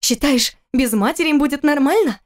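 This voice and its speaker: Woman doing a desperate young wife, higher and pleading, audiobook voice. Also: brisk, lightly acted. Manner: pleading, raised and shaken. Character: distraught pregnant young wife. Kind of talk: audiobook character reading.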